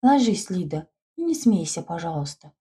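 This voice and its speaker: A woman's voice: on the low side, big pitch swings, normal speed, mellow, breathy edge, heavily acted. A woman voicing a nervous, earnest schoolgirl urging a friend to stay serious. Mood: anxious. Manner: urgent, anxious.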